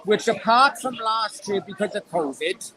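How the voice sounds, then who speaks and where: Insistent high-voiced man arguing. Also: normal speed, pushed and bright, low-quality recording. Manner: insistent, sweary, talks over others. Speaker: podcast guest. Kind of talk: heated casual chat.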